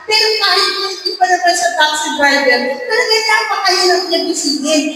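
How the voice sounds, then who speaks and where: A middle-aged Filipino woman giving a lively personal talk to a church group, teasing and asking the audience questions. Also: very high-pitched, brisk. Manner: mixes in English words, teasing, asks the audience questions. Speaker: speaker at a marriage encounter gathering. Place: parish hall. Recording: echoey hall, from far off, faint background noise.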